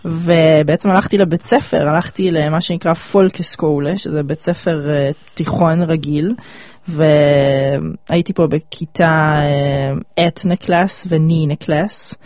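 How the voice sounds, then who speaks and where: Young Israeli woman, low-pitched for a woman. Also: a little mellow, dry recording. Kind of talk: casual chat.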